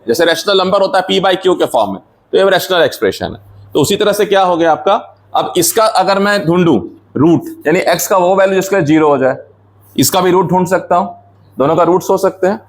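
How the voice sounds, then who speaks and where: Man with a fairly high voice, lecturing a class. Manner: explains step by step, questions students, mixes in English terms. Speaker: engineering lecturer.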